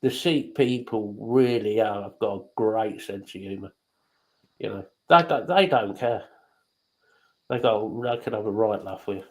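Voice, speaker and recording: A man's voice: fairly low pitch, unhurried, a little mellow, poor audio. A man hosting a casual chat, talking bluntly and swearing freely. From England.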